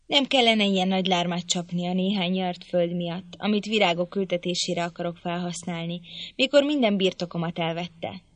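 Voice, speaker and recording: A woman reading as a defiant, sharp-tongued young woman. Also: on the low side, dry recording, lightly acted. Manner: bold, defiant.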